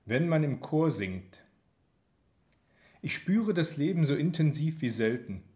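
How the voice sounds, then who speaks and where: A man narrating a first-person story in a measured, expressive reading. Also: a little high. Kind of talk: audiobook narration.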